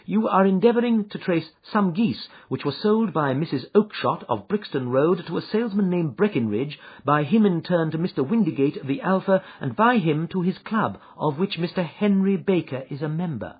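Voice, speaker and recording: A self-assured detective , played by a male reader, speaks in a suave, cheery, slightly raised voice. His delivery is lively and a little husky. The storybook recording is dull and muffled. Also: on the high side, normal speed, hardly any pauses, pitched above the performer's own voice. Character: calm, confident male detective.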